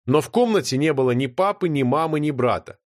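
A man narrating an audiobook in an expressive reading style. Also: fairly high pitch, fairly quick, no room sound, studio quality.

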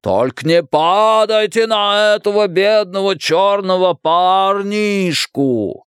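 A man reading aloud and voicing a loud, wisecracking boy who clowns and mocks his friends in a shrill, theatrical voice. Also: lively intonation, slow pace, clean tone, dry recording, studio quality. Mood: mocking put-on.

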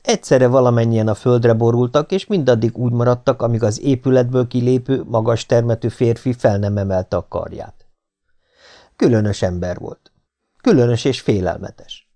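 A man narrating an adventure novel in the first person as an audiobook, in a steady, measured reading. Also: medium pitch.

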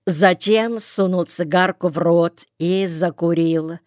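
A woman narrating an audiobook with a calm, measured reading, recorded in a studio. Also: on the low side, no room sound. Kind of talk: scripted narration.

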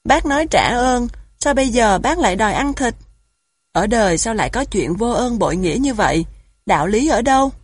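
A woman voicing a simple, kind-hearted male donkey in a storybook, with a husky voice. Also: medium pitch, expressive, moderate pace, a little mellow, dry recording, studio quality. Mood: indignant. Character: foolish kindly male donkey, indignant.

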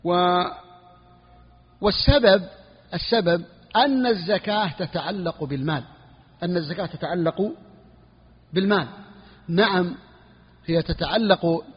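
A man's voice: sits high, measured pace, long pauses. A man teaching a religious jurisprudence lesson, explaining a text and repeating each point for his students. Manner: repeats key phrases, asks students if clear. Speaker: sheikh teaching Hanbali jurisprudence. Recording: lo-fi, long reverb hall.

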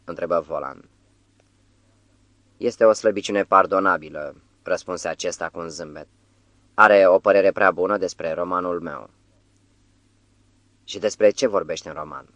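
A man narrating an audiobook in an even, measured storytelling manner, lightly voicing the dialogue. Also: deep voice, dry recording. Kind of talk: audiobook reading.

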